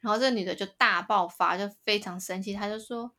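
A woman's voice: mid-range voice, a little fast. A young woman with a Taiwanese Mandarin accent, casually retelling a funny story as a podcast co-host. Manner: animated retelling with quoted voices.

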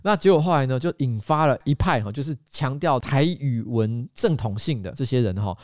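A man's voice: medium pitch, lively intonation, fairly quick, dry recording, studio quality. A man hosting a casual podcast, playful and chatty, often ending sentences with a little "ha". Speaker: podcast host. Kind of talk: casual podcast chat with a read sponsor ad.

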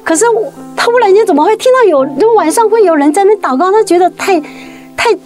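A woman tells her faith testimony in an earnest, halting way, restarting and repeating words and climbing higher when the story gets tense. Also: expressive, a little mellow, soft background music. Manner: rises sharply in pitch at tense moments. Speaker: guest sharing a faith testimony. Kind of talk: emotional personal storytelling.

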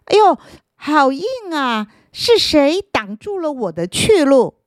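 A woman's voice: sits high, very animated, unhurried, no room sound, clean studio sound, pitched above the performer's own voice. A woman voicing a small, polite young tree root in a children's storybook, speaking timidly and earnestly. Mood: startled. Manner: polite, eager, timid questions.

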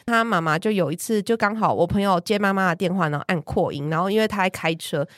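A woman tells a personal story at a rapid clip, lively and animated. She is a podcast co-host in casual chat. The sound is dry and close on the mic. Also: medium pitch, no room sound. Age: 30s.

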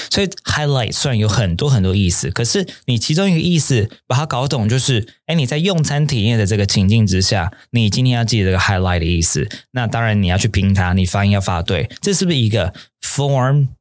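Chatty low-voiced male teacher. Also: expressive, fairly quick, few pauses, no room sound, clean studio sound. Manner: chatty, joking, repeats key points. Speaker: English teacher. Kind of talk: online vocabulary lesson.

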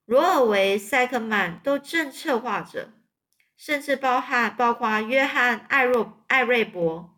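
A woman's voice: fairly high pitch, expressive, unhurried, sharp tone. Woman reading a children's story aloud.

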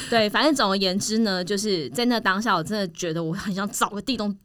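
Woman cohost, teasing and chatty, mid-pitched voice. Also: fairly quick, fairly bright tone, no echo. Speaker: podcast co-host. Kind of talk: casual chat.

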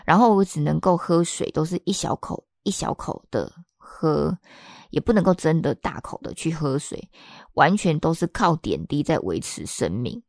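A woman, hosting a podcast and telling a personal story in a chatty, expressive way. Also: low voice, normal speed, no room sound, clean studio sound. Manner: chatty and expressive, acts out the people she quotes. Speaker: podcast host.

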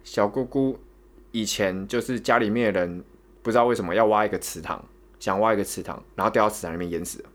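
A man's voice: lowish voice, quick pace. A young man with a Taiwanese Mandarin accent, casually telling a long story on a podcast, rambling and repeating words as he goes. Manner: rambling, repeats words, animated when retelling. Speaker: podcast co-host.

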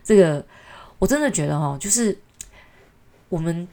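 Chatty Taiwanese woman with a lowish voice. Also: expressive, normal speed, dark tone. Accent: Taiwanese Mandarin. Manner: chatty and exasperated, with mocking asides. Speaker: vlogger. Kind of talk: casual storytelling rant.

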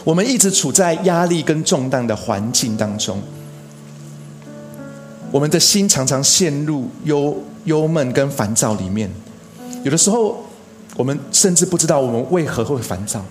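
A man's voice: fairly high pitch, animated, faint music behind. Earnest man preaching a sermon. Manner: earnest, preaching with emphatic rises and slow stressed phrases. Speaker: pastor.

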